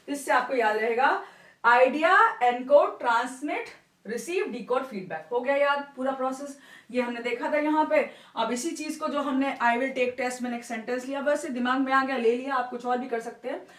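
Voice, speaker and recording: A woman's voice: high voice, moderate pace, a bit bright, far from the mic. A woman teacher explaining step by step, mixing English terms into her lecture and checking in often with her class. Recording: echoey room, voice from off-mic.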